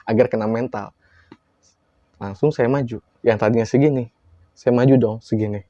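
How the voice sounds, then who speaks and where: A man telling a horror story in a casual, lively way, acting out quoted lines with big jumps in his voice. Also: mid-range voice, moderate pace, dry recording, dull audio.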